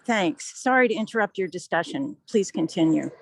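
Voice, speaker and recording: A woman judge in a meeting, talking over a phone line in a measured, polite, explanatory way. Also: on the low side, expressive, vocal fry, dry recording. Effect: heard over a phone line. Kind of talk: meeting discussion.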